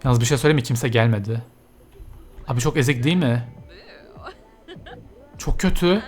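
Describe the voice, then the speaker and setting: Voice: mid-range voice, moderate pace, darkish tone, faint music behind. A let's-player giving casual, chatty commentary while playing, exclaiming and talking to the game characters, with English game terms mixed in.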